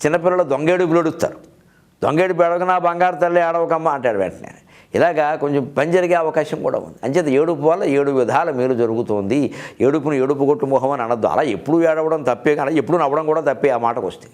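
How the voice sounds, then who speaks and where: A middle-aged man giving a humorous literary talk in a storytelling manner, quoting verses slowly and adding lively asides. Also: medium pitch. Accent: Telugu. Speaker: literary speaker and host.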